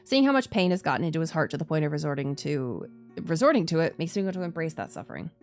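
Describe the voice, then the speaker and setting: A woman's voice: low voice, big pitch swings, fast, darkish tone, faint music behind. A woman voicing a weary, anguished male doctor in a visual novel, tender and self-blaming, with a subdued, heavy-hearted delivery. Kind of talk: visual novel dialogue reading.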